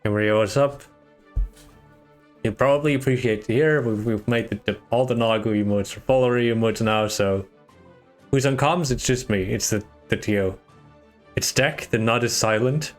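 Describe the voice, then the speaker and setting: With soft music playing in the background, a man from Germany who organized the tournament commentates live on his own, rambling casually and talking with viewers. His mid-range voice moves at normal speed.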